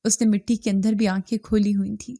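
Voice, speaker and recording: A woman voicing a tender-hearted young daughter who speaks in a halting, hesitant way. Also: mid-range voice, little pitch movement, mellow, no room sound, clean studio sound, lightly acted. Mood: tearful.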